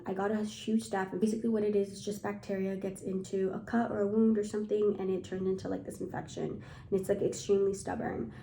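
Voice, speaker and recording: A young woman chats to camera in a casual storytime vlog, her voice mellow and soft-edged. She keeps dropping "like" into her sentences as she relives an anxious moment. The room around her rings with a noticeable echo. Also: medium pitch. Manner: anxious retelling, heavy use of "like". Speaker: vlogger. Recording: echoey room.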